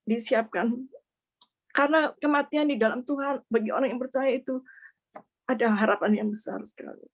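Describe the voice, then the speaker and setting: A middle-aged woman from Indonesia earnestly sharing a personal faith testimony, slipping English words into her speech. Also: on the high side.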